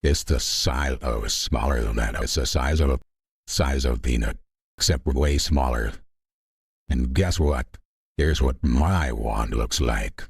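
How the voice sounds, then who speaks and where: Man putting on a very deep, raspy ranting sorcerer. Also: slow, dry recording, studio quality, exaggerated voice. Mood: boastful, outraged. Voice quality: very deep, gravelly, rough. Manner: bombastic, declamatory announcements. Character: ranting boastful male sorcerer villain, comically outraged. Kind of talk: improvised comedy skit.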